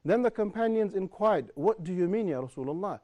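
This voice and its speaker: A man hosting a live studio talk show, posing clear, emphatic questions to his guests. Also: sits high, animated, a little fast, darkish tone, muffled recording. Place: television studio.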